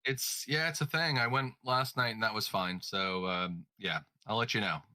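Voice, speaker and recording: A man's voice: lowish voice, moderate pace, bright, forceful tone, no echo. A man co-hosting a podcast in a rambling, playful casual chat, full of filler words. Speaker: podcast co-host.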